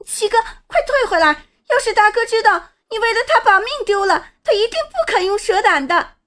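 A woman voicing a panicked young swordswoman who cries out in a shrill, rushed voice. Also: animated. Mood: pleading. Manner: frantic, rushed shouting.

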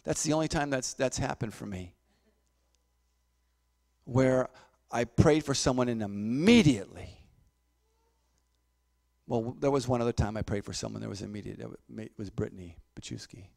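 A man's voice: mid-range voice, normal speed, creaky, long pauses, darkish tone. A man preaching a sermon as pastor, telling a personal testimony and acting out the voices of people in his story. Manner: storytelling, acts out voices, repeats words.

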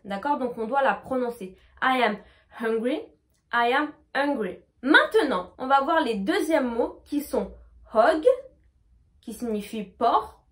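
Femme à la voix aiguë, leçon d'anglais. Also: female voice, high voice. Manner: slow, over-articulated demonstrations of English words. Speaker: English teacher. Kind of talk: pronunciation lesson.

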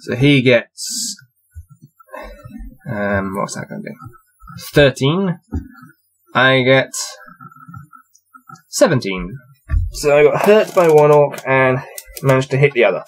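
His mid-range voice swings widely in pitch, slow and marked by long pauses, on poor audio with slight background noise. This twenty-something man reads a fantasy gamebook aloud at his desk in a small cluttered room with shelves, chatting and laughing at his dice rolls.

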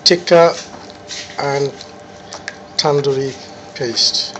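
A man's voice: medium pitch, very slow, a bit bright, rough recording. Man naming spices over kitchen noise. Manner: names each ingredient in short phrases. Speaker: cooking channel host. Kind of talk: casual cooking narration. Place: restaurant kitchen.

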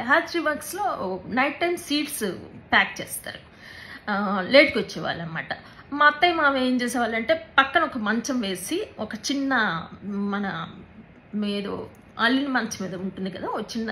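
A woman giving a personal account in an interview, speaking haltingly, repeating words and mixing in English words. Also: fairly high pitch, sharp tone, slight background noise, rough recording. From Andhra Pradesh, India.

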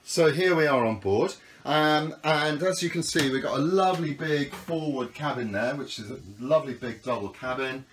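Filmed on a handheld phone, a man in his fifties who skippers for a sailing school tours a small yacht, starting outdoors and moving into the cabin, explaining each step in a casual, practical and friendly walkthrough. His voice is fairly high and a bit bright, at a moderate pace with hardly any pauses, and there's slight background noise.

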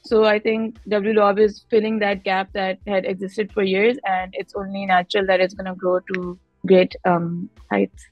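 A woman's voice: medium pitch, level tone, moderate pace, hardly any pauses, muffled recording, faint music behind. A young Pakistani-accented woman giving conversational interview answers as a guest player, switching between Hindi-Urdu and English mid-sentence. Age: young adult. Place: indoor room, on a video call.

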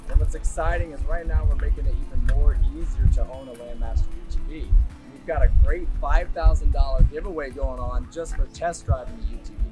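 A man in his thirties at an outdoor farm show giving an upbeat promotional pitch with direct calls to action. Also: a little fast, hardly any pauses. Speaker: company rep hosting the video. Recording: music playing behind.

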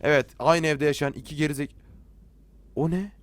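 A man's voice: a little high, steady tone, moderate pace, no echo. A young man commenting as he plays a horror game, nervous and jittery, joking and swearing at every scare. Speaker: let's play gamer.

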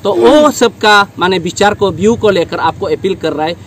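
A man's voice: sits high, moderate pace, fairly bright tone, a little hiss or hum. A village council leader speaking emphatically at an outdoor press briefing, pressing his appeal with rising force.

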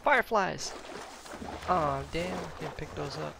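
A man's voice: a little high, expressive, unhurried, gravelly. A young man giving casual gameplay commentary on a headset, muttering joking asides. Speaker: gamer, let's play host. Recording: headset mic over noisy game sound.

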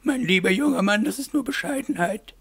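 A man's voice: high-pitched, expressive, brisk, fairly bright tone, slightly rough, pitched above the performer's own voice, heavily acted. A man doing a chiding older lady. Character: older woman, former nurse, gently reproving. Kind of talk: audiobook reading.

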